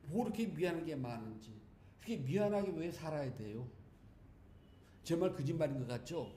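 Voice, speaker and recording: Monk preaching with a mellow voice in an echoey hall. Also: male voice, on the high side, animated, normal speed. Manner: chatty and humorous, speaking to listeners directly. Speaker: Buddhist monk giving a dharma talk. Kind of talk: conversational sermon. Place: temple hall. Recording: echoey hall with faint background noise.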